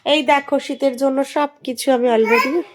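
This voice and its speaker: High-pitched mom doing sing-song baby talk to her kid, phone vlog at home. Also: steady tone, a little slow. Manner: playful, coaxing baby talk. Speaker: vlogger mother. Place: home bedroom at night.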